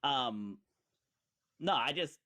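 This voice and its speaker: Speaking extremely slowly, this Indiana man in his forties hosts a casual online talk show, wandering through his points with plenty of fillers and playful jabs. His medium-pitched voice is bright and forceful, with lively intonation, as he podcasts in a loose live-stream chat.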